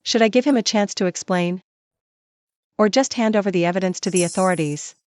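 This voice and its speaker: A woman's voice: medium pitch, a little fast, a little mellow, no room sound, studio quality, close to an everyday voice. A woman acting a principled, guarded young mother in a screen drama, speaking with restraint. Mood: torn. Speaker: female lead in a drama.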